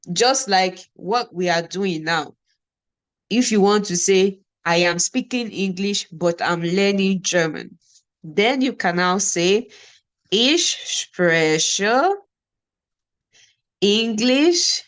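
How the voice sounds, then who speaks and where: A Nigerian woman who teaches German leads a beginner class very slowly, splitting example sentences into single words and saying each one separately. Her voice sits at a middle pitch for a woman.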